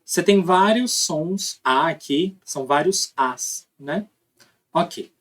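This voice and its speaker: A man's voice: on the high side, takes it slowly, a bit bright. A man with a Brazilian Portuguese accent teaching a recorded phonology lesson, explaining step by step, sounding out examples aloud and checking in with tag questions. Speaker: linguistics teacher.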